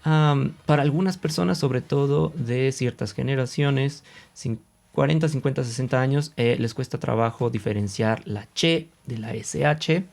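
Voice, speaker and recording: A man's voice: medium pitch, moderate pace, gravelly, a little mellow. A man with a central Mexican accent teaching Japanese pronunciation in a casual, explanatory video lesson, with many fillers, often sounding out examples aloud. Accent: Mexican Spanish.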